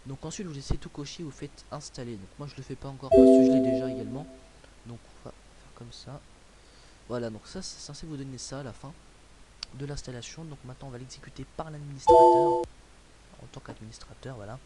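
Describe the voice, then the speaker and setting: A young Frenchman with a medium-pitched voice talks fairly quickly through a casual, screen-recorded computer tutorial, rambling with plenty of fillers and restarts. The hissy, low-quality home recording has music in the background.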